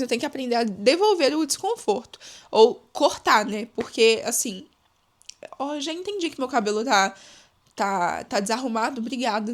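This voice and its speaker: Young woman, podcast host, expressive, chatty, somewhat high voice. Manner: expressive, chatty, often addresses listeners as "gente". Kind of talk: casual advice monologue.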